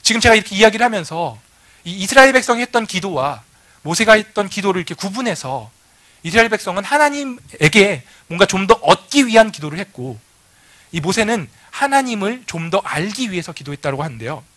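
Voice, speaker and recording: Male pastor, bright and lively delivery, relaxed storytelling sermon. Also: sits high, fairly quick, no echo. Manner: conversational storytelling preaching.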